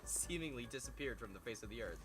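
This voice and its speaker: This host reads fan fiction by a fireside outdoors at night, his mid-range voice quick and lively, though the audio quality is poor. Music plays behind him as he cracks jokes and trips over his words.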